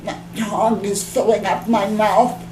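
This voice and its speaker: A woman's voice: medium pitch, flat delivery, unhurried, lightly acted. [name], a woman playing a whiny girl. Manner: dramatic complaining, sometimes near whisper. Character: whiny little girl faking sickness. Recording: echoey room with background hum.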